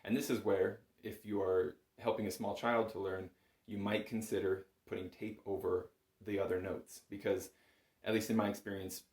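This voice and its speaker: A bagpipe teacher with a lowish, darkish voice keeps a level tone and moderate pace. Working from a small home music room with roomy echo, he explains things step by step in a patient, encouraging, conversational way.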